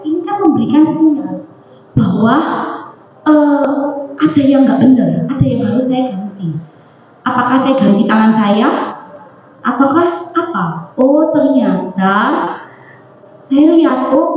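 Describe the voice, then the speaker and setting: A woman's voice: sits high, warm tone, slight background noise. A middle-aged woman giving a motivational talk to an audience, telling stories and acting out the dialogue. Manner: storytelling that acts out quoted dialogue. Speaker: speaker addressing an audience. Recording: echoey hall, dull lo-fi sound.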